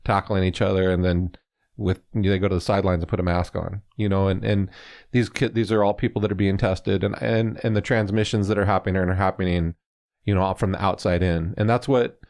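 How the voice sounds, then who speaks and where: A man's voice: low voice, fairly even intonation, a little fast, creaky, a little mellow. A man from California co-hosting a sports talk show, explaining at length in a rambling way full of fillers. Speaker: sports podcast co-host.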